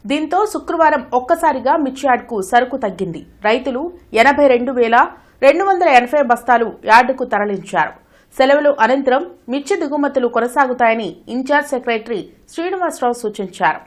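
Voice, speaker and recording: Female newsreader, quick formal read, slightly high voice. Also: lively intonation. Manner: brisk, formal delivery. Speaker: news reader. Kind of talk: scripted news reading.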